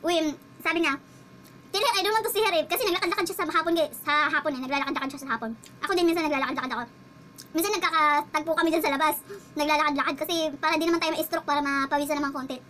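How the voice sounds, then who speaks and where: A woman's voice: high-pitched, steady tone, racing, pushed and bright, a little hiss or hum. A woman driver telling a casual vlog story, chatty and laughing as she talks. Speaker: household driver and vlogger.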